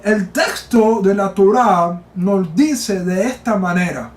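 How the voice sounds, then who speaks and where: A man giving a Torah sermon, slow and emphatic, repeating key phrases and rising to near shouts. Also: sits high, roomy sound, slight background noise. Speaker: teacher of Torah.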